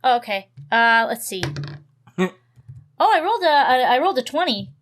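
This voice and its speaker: Eager, higher-pitched woman player. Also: big pitch swings, brisk, a bit bright, slight background noise. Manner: eager, slightly flustered. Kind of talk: casual tabletop game chat.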